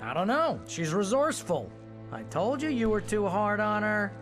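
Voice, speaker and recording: An excitable chatty agent buddy from a video game, colloquial, some music behind. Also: male voice, sits high, normal speed. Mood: eager, chatty. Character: chatty, excitable male agent and loyal best friend. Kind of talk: video game dialogue acting.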